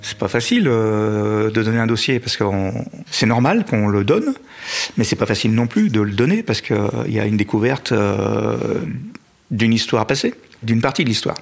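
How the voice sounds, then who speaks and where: An older man speaking as an adoptive father in an interview, hesitant, with many pauses. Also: lowish voice, vocal fry. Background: soft music.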